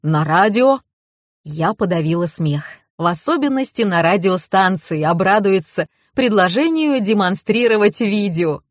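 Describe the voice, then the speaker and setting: A woman reading a novel aloud as a lively, expressive first-person audiobook narrator on a close mic. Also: mid-range voice, normal speed, few pauses, no room sound.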